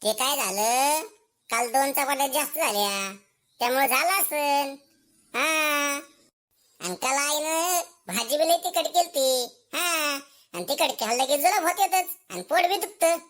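A woman's voice: high voice, unhurried, fairly bright tone. A woman playing a whiny, cheeky schoolboy. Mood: whining. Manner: whiny, talks back, rustic slang. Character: lazy cheeky schoolboy, fakes illness. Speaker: main character. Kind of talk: comedy sketch acting.

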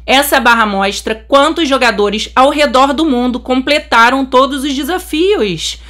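A young Brazilian woman with a Brazilian Portuguese accent commentating a game update, so excited she says she is trembling, gushing and exclaiming constantly. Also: sits high, measured pace. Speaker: game channel host.

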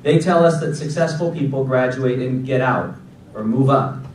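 A man in his forties from Los Angeles giving a graduation keynote speech at a podium, with a measured, deliberate delivery from a prepared text. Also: mid-range voice, darkish tone, slight background noise. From Los Angeles, United States. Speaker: keynote speaker. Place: large auditorium stage at a podium. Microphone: podium mic, recorded by a far audience camera. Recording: echoey hall recorded from far back.

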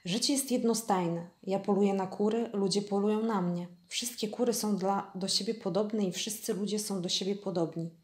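A lonely, gentle male fox from a storybook speaks slowly and softly, as a woman reads him aloud. The voice sits at a middle pitch. The room gives a noticeable echo. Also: steady tone, close to an everyday voice. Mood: wistful. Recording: echoey room.

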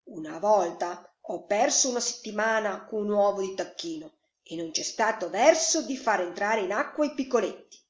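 A woman voicing an old female duck, a know-it-all busybody who gives slow, knowing advice. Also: mid-range voice, lively intonation, close to an everyday voice. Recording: roomy echo, slightly dull sound.

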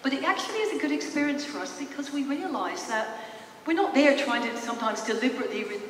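High-pitched, expressive and fast-talking, a psychologist in her fifties gives a relaxed storytelling talk in front of a large theatre stage, drawing listeners in with questions. A distant camera picks up her handheld mic via the PA, so the recording sounds echoey, remote and noisy.

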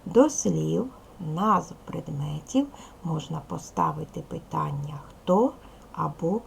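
A woman teacher giving a video lesson to young children, speaking slowly and clearly, asking them questions patiently. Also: low voice, animated, a little hiss or hum, poor audio. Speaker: primary school teacher.

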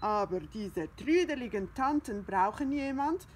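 A woman voicing a kindly, patient old farmer, speaking in a calm, soothing way while reading a storybook aloud. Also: medium pitch, unhurried, slight background noise, natural voice.

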